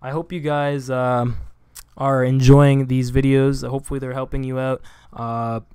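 A young man talks through a game tutorial in a loose, rambling way, stopping to correct himself and fill gaps. His voice comes across smooth and clean. The room sound is dry and close on a desk microphone. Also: mid-range voice, flat delivery, measured pace, darkish tone, no room sound. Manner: rambling, full of fillers and self-corrections. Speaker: gaming video creator. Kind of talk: casual game tutorial voice-over. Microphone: desk USB microphone.

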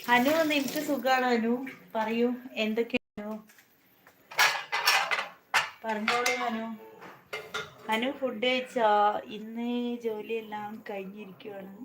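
A woman's voice: on the high side, fairly even intonation, a little slow. Chatty woman live-streaming from a noisy home. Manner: chatty, greets viewers by name and keeps asking how they are. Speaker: live-stream host and mother. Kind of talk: casual live-stream chat answering viewer comments. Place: noisy home room, with children and a TV nearby. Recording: roomy, noisy home phone recording.

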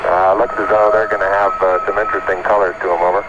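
A man playing a calm, steady astronaut pilot who speaks over a radio link, like a walkie-talkie. He gives clipped procedural callouts with hesitant fillers. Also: sits low, fast talker. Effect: radio transmission, like a walkie-talkie. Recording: muffled radio audio with loud static.

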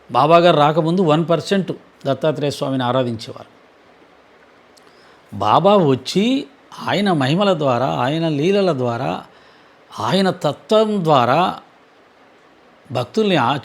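A man speaks in an earnest devotional talk, his voice sitting somewhat high for a man. He keeps a measured, preaching cadence and breaks his sentences with pauses. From Andhra Pradesh.

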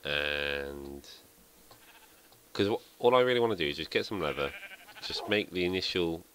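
Very deep-voiced man commentating a game. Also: expressive, moderate pace, fairly bright tone, a little hiss or hum. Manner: rambling, self-deprecating thinking aloud. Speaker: let's play host. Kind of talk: casual gameplay commentary.

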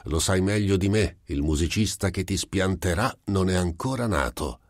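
A man's voice: sits low, lively intonation, normal speed, dry recording, clean studio sound, pitched above the performer's own voice. A man reading the part of an evasive, joking male friend in a lighter, offhand voice.

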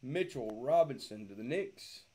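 A man's voice: mid-range voice, animated, a little slow, dark tone. Guy ripping cards on a live break, calling out players, cracks jokes. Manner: reads out player names, joking asides. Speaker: card break host. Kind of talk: live card-opening commentary.

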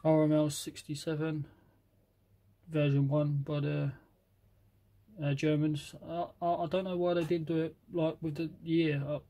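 A British man casually reviewing a box of model paints, reading out colour names haltingly and admitting he can't pronounce some. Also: a little high, flat delivery, dark tone.

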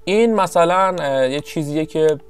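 A man giving casual, rambling commentary over his own strategy game session, often pausing to search for the right word. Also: fairly high pitch, clean tone, faint music behind. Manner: chatty, rambling, searches for words. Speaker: gameplay commentator.

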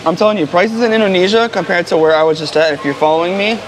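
In a rough recording, an American travel vlogger with a high voice speaks quickly, filling viewers in on local food and terms. Traffic and street noise from the busy city street are audible behind him.

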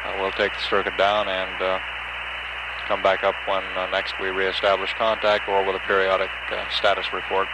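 A low-pitched American man reads a spaceflight status report as a mission control announcer. He is measured and halting, with very little melody. The archive radio audio is buried in heavy noise. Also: completely flat delivery. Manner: halting, measured official delivery.

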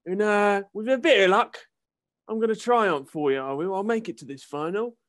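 A man's voice: high voice, normal speed, fairly bright tone. A man voicing a crude, boastful halfling team manager with a Cockney accent, swearing constantly. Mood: earnest. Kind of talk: comedic voice acting.

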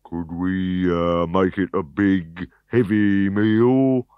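A man's voice: low voice, steady tone, slow, clean tone, dry recording. A man reading a storybook, voicing a big, hungry, good-natured Gaul who sounds hopeful and childlike. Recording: dull, dry recording.

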